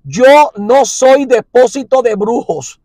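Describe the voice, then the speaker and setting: A man preaching a sermon as an apostle, forceful and repetitive with emphatic repeated phrases. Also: very high voice, lively intonation, slow pace, no room sound.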